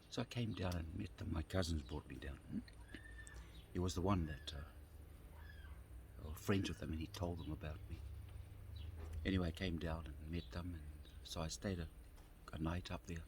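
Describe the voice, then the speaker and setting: A man sitting outdoors on the grass, telling a personal story in a halting way, often repeating and restarting phrases. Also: deep voice, noisy background. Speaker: vlogger.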